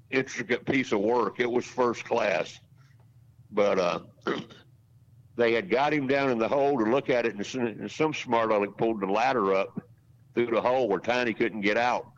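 A man in his sixties, a racetrack announcer, telling rambling, folksy stories as a podcast guest. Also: medium pitch. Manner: folksy, rambling anecdotes with restarts. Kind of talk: casual storytelling in a podcast interview. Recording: dull lo-fi audio.

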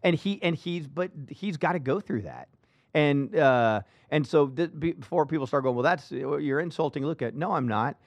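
A man hosting a casual sports talk show, emphatic and animated, often restarting his sentences. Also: on the high side, normal speed, no room sound.

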